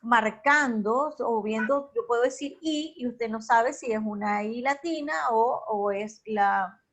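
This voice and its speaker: A woman with a somewhat high voice teaches a class online. She explains step by step, regularly asks if everyone is following, and corrects herself partway through sentences. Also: unhurried, slight background noise. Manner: explanatory, checks in with "ok?", self-corrects mid-sentence.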